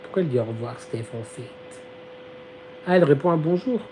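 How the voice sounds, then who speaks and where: A man chats on a live stream through his phone, his voice mellow and dark and starting to fail. He talks in a giggly, slangy way, with a fan humming faintly behind. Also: fairly high pitch, animated, brisk, a little hiss or hum, rough recording. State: losing his voice. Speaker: live-stream host reading chat. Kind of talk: casual live chat.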